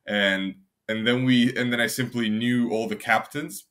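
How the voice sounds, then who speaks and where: A man's voice: medium pitch, steady tone, a little slow, fairly bright tone. A young man from Albania, answering interview questions in a rambling, casual way with frequent restarts. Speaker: guest.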